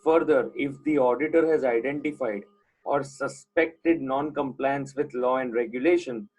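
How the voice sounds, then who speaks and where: A man's voice: medium pitch, normal speed, a little mellow, husky, low-quality recording. A man teaching an online class, putting questions to students and repeating the key points.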